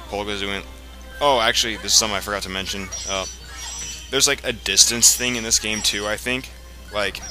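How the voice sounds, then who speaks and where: A man with a fairly low voice gives let's play commentary on a video game, rambling and explaining as he goes, halting and picking up again. Game music plays clearly behind him, and the recording is rough.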